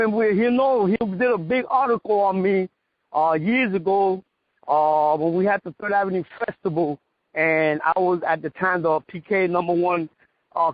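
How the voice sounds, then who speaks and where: A man's voice: sits high, dry recording. A man from New York, a martial artist guest, reminiscing in a casual radio interview. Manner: reminiscing, talks in street-direction detail. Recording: dry, dull lo-fi radio audio.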